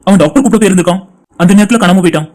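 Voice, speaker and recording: A performer voicing a worried young man in an animated cartoon who evades a friend's questions. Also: mid-range voice, racing, lightly acted. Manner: subdued, evasive. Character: worried young man searching for his brother.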